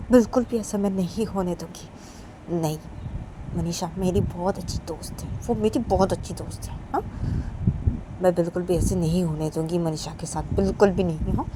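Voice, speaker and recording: A woman's voice: on the low side, steady tone, moderate pace, background noise, lightly acted. A woman voicing a fiercely protective young woman friend who insists over and over that she won't let it happen. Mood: determined. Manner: insistent, repeats her vows over and over.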